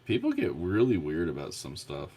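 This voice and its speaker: A man in a casual chat about model building who gives slow, easygoing replies. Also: low-pitched, wildly swooping pitch, very noisy. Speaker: co-host.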